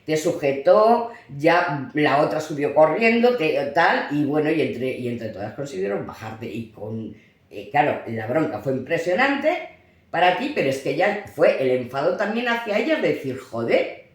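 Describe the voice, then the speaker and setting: A woman's voice: low voice, normal speed, very echoey. A middle-aged woman from tells a family story to her daughter. She acts out the voices in it and often restarts her sentences. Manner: animated, acts out quoted voices, frequent restarts. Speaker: mother of the host, guest. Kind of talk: casual storytelling.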